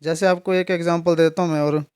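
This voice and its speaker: A man gives an English grammar lesson. His voice sits a little high and sounds smooth and resonant. He explains patiently, keeps checking that his students follow, and slows down to spell words out letter by letter. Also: level tone, darkish tone. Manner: explains patiently, repeats words and asks "ठीक है?".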